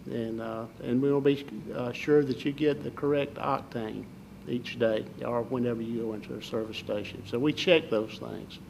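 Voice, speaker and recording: An older man from southern Alabama with a Southern Alabama accent, giving folksy, halting interview answers as a political candidate. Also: mid-range voice, fairly even intonation, creaky, a little mellow, a little hiss or hum, poor audio.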